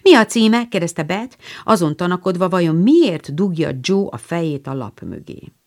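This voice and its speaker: A woman reads a classic novel aloud in a rather low voice. Her pitch is lively and moves a lot as she narrates. She tells the story with clear expression. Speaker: audiobook narrator. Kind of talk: scripted narration.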